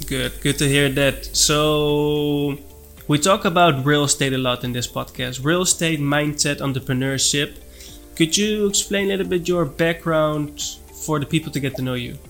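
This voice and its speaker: A man's voice: a little high, normal speed, fairly bright tone, faint music behind. A man hosting a real estate podcast, upbeat and friendly as he introduces a guest. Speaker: podcast host.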